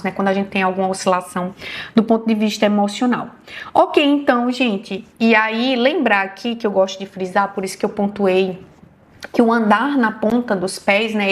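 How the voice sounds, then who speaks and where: A woman with a Brazilian Portuguese accent giving an online health lecture as a neurologist, explaining patiently and often checking in with her listeners. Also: medium pitch.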